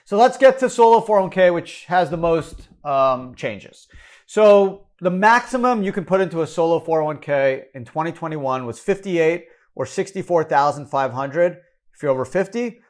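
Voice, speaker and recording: A man with a Canadian accent explaining retirement contribution limits, brisk and number-heavy, correcting himself as he goes. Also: a little high, lively intonation. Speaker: financial educator. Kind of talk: explanatory talk.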